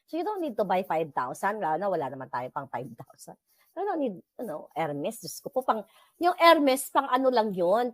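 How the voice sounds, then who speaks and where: A woman's voice: medium pitch, no room sound. A woman with a Filipino accent hosting a casual live chat with viewers, mixing Tagalog and English and laughing often. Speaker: livestream host.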